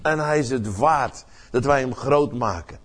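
An older man preaching a sermon with passion, swinging from loud outbursts to hushed words and often repeating words as he searches for phrasing. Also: medium pitch, a little slow. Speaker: pastor.

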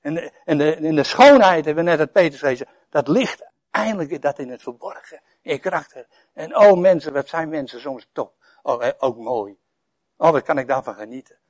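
A man's voice: fairly high pitch, brisk, no room sound. An older man preaching a sermon in a chatty way, with many asides, chuckles and emphatic scripture reading. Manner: conversational, with frequent "eh" and "hè" asides and soft chuckles; reads scripture passages with rising, emphatic voice. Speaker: pastor.

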